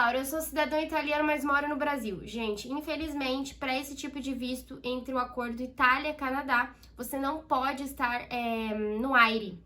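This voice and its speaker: A woman's voice: sits high, pushed and bright. A young Brazilian woman with a Brazilian Portuguese accent, chatting directly to her viewers and explaining things in a friendly, casual vlog. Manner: chatty, addresses viewers as "gente". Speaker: vlogger.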